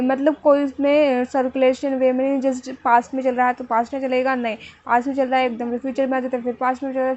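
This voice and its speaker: Lady teacher, high voice, kinda flat, reads english notes real slow, bit lo-fi sound. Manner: mixes Hindi explanation with slow, halting reading of English notes; self-correcting, repeats words. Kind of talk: exam-focused lecture.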